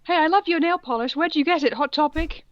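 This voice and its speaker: A woman puts on a gothic teenage heroine, high and overdramatic. Her lines come out as exclamations, sulky and theatrical, in a dry, slightly muffled story reading. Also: fairly quick, dry recording, close to an everyday voice. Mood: eager.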